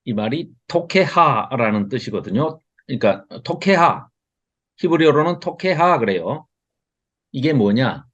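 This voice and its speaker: Animated male Bible teacher. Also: medium pitch, a little slow, highs cut off. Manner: lively and expressive, chuckles often, asks the class questions. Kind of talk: online Bible lecture. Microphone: video call.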